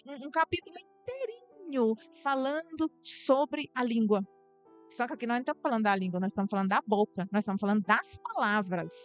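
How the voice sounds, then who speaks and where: A woman's voice: high voice, a bit bright. A Brazilian woman pastor preaching a sermon, earnestly addressing the church directly.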